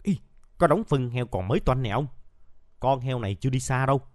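A man's voice: mid-range voice, lively intonation, fairly quick, no echo, studio quality, close to an everyday voice. A man doing an eager, cheerful young soldier. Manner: eager, chatty.

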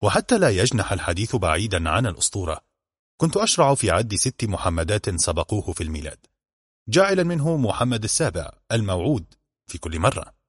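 A man reads a novel aloud in a very low, husky voice. His narration is measured and literary. The sound is dry and close, with no room echo. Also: very animated. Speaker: audiobook narrator. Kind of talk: scripted audiobook narration.

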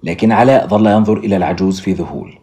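A man's voice: sits low, very fast, mellow. A man narrating an audiobook as a storyteller, speaking to his listeners around a fire.

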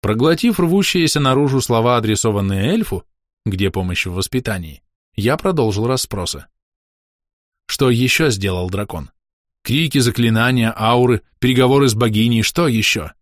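A man's voice: medium pitch, expressive, normal speed, no room sound. A man narrating a first-person audiobook in a dry, weary, wry manner.

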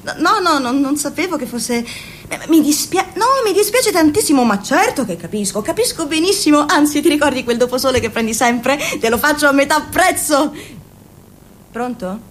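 In a radio drama, an actress voices Amanda, a fussy, talkative mother and saleswoman who fakes cheerfulness. Her pitch is high and her intonation lively at an ordinary speed, with slight hiss or hum. She chatters on the phone, fussing in a falsely bright way.

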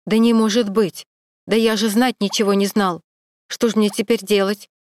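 A woman's voice: medium pitch, level tone, normal speed, darkish tone, no room sound, lightly acted. Woman reading as a nervous male security guard, mumbling, wheedling, evasive, dry close sound, audiobook.

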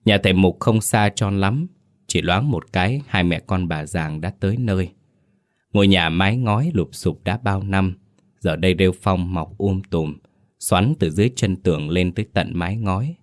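A man narrating a ghost story audiobook in a steady, dramatic storytelling voice. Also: sits low.

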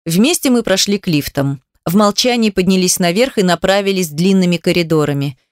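A woman reading a novel aloud in first person, in a steady, measured way. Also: fairly low pitch, no echo, studio quality. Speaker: audiobook reader.

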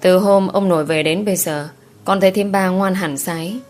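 A woman's voice: lowish voice, fairly even intonation, moderate pace, darkish tone, faint music behind, natural voice. A woman voicing a young unmarried daughter who coaxes and pleads with her mother. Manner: whiny, coaxing.

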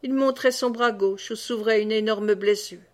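A woman's voice: mid-range voice, steady tone, moderate pace. Woman reading a novel aloud. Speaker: audiobook reader. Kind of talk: scripted narration.

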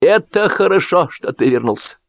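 Brief: high, pushy party host giving toasts, lively swings, read by a man, dry dull sound. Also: normal speed, dry recording. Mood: toasting.

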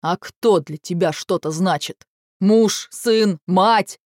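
A woman's voice: lowish voice, slow, darkish tone, dry recording, studio quality. Woman voicing a burring, furious old general. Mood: sarcastic. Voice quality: burred r sounds. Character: older male general, furious and sarcastic.

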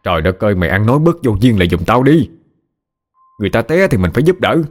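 A man's voice: on the low side, very animated. A man voicing an exasperated village father who scolds his son, in a read-aloud ghost story. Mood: scolding. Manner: scolding, brisk.

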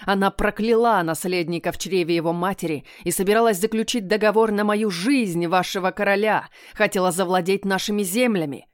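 A woman reading a stern, furious old king in an audiobook, speaking slowly and condemningly. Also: no room sound, clean studio sound, close to an everyday voice. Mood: accusing. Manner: slow, booming, condemning. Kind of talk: audiobook character voice.

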